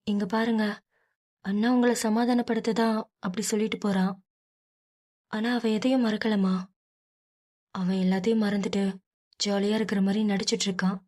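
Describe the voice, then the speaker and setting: A woman voicing a young daughter who gently consoles her mother. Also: mid-range voice, little pitch movement, moderate pace, long pauses, lightly acted. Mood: consoling. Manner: soothing, gentle.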